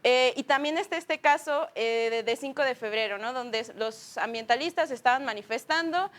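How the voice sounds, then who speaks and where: A woman's voice: high-pitched, moderate pace, fairly bright tone. A woman with a Mexican accent speaking as a guest on a TV panel, earnest and thorough, with many fillers. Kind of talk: panel discussion.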